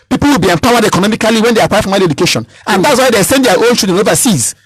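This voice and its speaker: Emphatic Nigerian man, fast and high. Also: breathy edge, no room sound, low-quality recording. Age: 30s. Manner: emphatic, repeats and restarts phrases. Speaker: political candidate. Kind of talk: radio interview.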